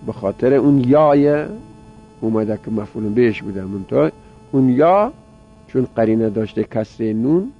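Male teacher, mid pitch, drills words by repetition; dull lo-fi take with hum under faint music. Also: lively intonation. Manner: repeats words aloud, drilling, explaining step by step. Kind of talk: grammar lecture. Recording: dull lo-fi recording with mains hum.

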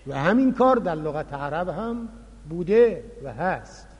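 A man giving a religious lecture, explaining points with animated emphasis. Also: a little high, breathy edge, muffled recording. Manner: explanatory, animated, acts out quoted dialogue. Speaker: lecturer on Quran recitation. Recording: long hall reverb.

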